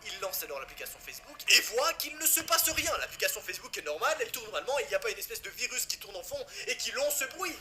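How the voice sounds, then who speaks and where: A man's voice: high voice, very animated, fast talker, few pauses. A man from France telling a horror story casually, cracking jokes and swearing in asides to the viewer. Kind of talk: casual creepypasta narration. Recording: music playing behind.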